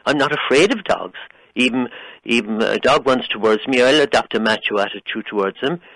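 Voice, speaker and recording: On a radio phone-in, an Irish man argues heatedly, sounding opinionated, emphatic, and condescending. His voice is a little high and a bit bright, with no echo but poor audio.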